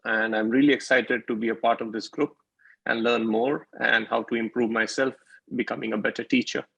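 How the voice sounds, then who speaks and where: A man's voice: mid-range voice, flat delivery, fairly quick, gravelly, fairly bright tone, breathy edge, highs cut off. A man from the UAE, an emergency physician and educator, eagerly introducing himself on a video call.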